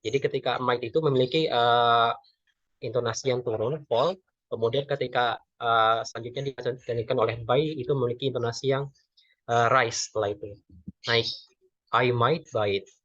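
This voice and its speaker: A man's voice: medium pitch, steady tone, moderate pace, a bit bright, no room sound. Hesitant young man, dull dry audio. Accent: Indonesian. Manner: hesitant, many fillers and self-corrections. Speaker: student presenter. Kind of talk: class presentation.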